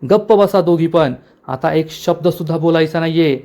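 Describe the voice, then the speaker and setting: Man voicing a young woman village head, firm, commanding, brisk. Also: on the high side, warm tone, natural voice. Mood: stern.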